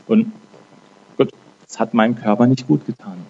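Man preaching casually, dark voice. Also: medium pitch, fairly even intonation, normal speed, dull audio, a little hiss or hum. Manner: conversational, frequent "ne?" tags; repeats and restarts words. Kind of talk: informal sermon with prayer.

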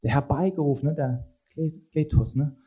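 A man preaching a sermon in a conversational way, often checking in with the congregation with quick tag questions. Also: on the high side, breathy edge, dull audio.

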